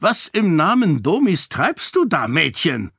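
A man voicing an irritable, blustering older king who shouts in exasperation. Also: a little high, very animated, slow, no room sound, clean studio sound, voice pushed up, exaggerated voice. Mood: exasperated.

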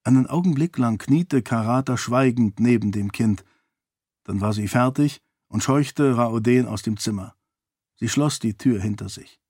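A man narrates a fantasy novel at a steady, measured pace. His voice sits at a middle pitch. He is recorded close and dry, with no room sound. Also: slightly rough, dry recording. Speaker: audiobook narrator. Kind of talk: scripted narration.

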